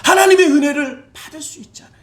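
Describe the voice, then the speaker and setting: A male pastor preaching a Sunday sermon, moving from low, confiding asides to shouted exclamations. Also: fast talker.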